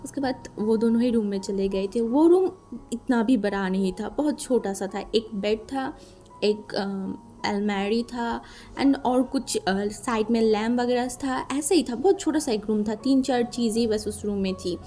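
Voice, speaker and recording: A woman casually retelling a romance fan story, animated and musing, often repeating words as she thinks. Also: a little high, measured pace, soft background music.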